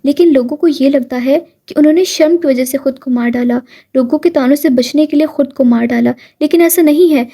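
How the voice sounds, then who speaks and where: A woman voicing a grieving widowed mother, patient and devout, in a gentle consoling manner. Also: high voice, few pauses.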